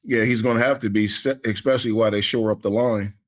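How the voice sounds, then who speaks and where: A man's voice: fairly low pitch, steady tone, quick pace. A man co-hosting a fantasy football podcast in casual, folksy chat, often repeating words as he starts a thought. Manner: laid-back, folksy, repeats himself when starting a thought. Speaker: podcast co-host.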